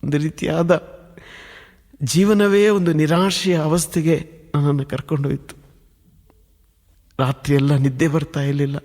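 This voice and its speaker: A man's voice: a little high, fairly even intonation, measured pace, long pauses, darkish tone. A man preaching, telling his personal testimony in an earnest, emotionally building storytelling manner. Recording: long hall reverb.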